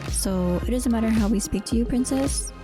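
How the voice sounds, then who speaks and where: A woman who works as a voice actor casually thinks aloud through a screen-recorded audio editing walkthrough, murmuring to herself in short fragments. Her voice is fairly high, her pace moderate, and music plays in the background.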